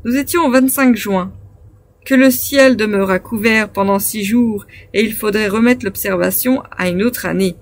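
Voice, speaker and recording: A woman narrates a classic novel aloud, her voice sitting at an ordinary middle pitch. She reads in a measured way, pausing between short phrases. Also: no room sound. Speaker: audiobook reader.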